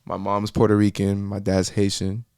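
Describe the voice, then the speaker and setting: This podcast guest, a young Miami man, chats loosely about his music, his talk full of fillers and false starts. The voice sits on the low side, monotone and at normal speed, darkish yet clear and resonant; the studio sound is clean with no echo.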